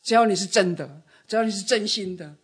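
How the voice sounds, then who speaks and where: A woman preaches a sermon in a husky, breathy, medium-pitched voice, speaking a little fast. Her delivery is dramatic, surging into loud outbursts before dropping to soft, hushed words.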